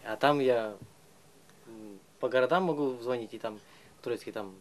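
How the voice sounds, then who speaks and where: A man from Russia explaining his village home in a halting, casual way, with many fillers and repeated phrases, outdoors in the snow. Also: medium pitch. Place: outdoors in a snowy village and in a cellar.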